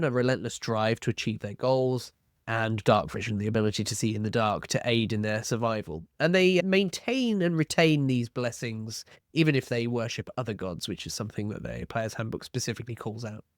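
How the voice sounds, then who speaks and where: A man hosts a video of tips for tabletop roleplaying games, explaining in a measured, semi-scripted manner and stressing key terms. His voice is mid-range, and the sound is clean studio audio with no room sound.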